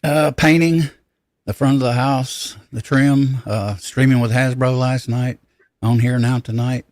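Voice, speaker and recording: A man's voice: mid-range voice, steady tone, unhurried, darkish tone, dry recording. A man chatting casually on a podcast, giving brief, easygoing answers. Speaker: podcast guest and streamer.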